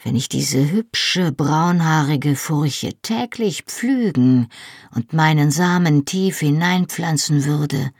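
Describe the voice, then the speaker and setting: A reader putting on a scheming Highland chieftain from an audiobook, speaking low and insinuating. The voice is gravelly and a little husky, recorded dry and close. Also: male voice, takes it slowly, no room sound, full character voice. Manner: quiet, insinuating. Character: sardonic scheming Highland chieftain, man, middle-aged. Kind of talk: audiobook character voice.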